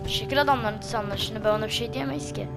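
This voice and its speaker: A woman streaming a game with excitable, chatty commentary and shouted reactions. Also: on the high side, rapid-fire. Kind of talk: let's-play commentary. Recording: voice over loud game music.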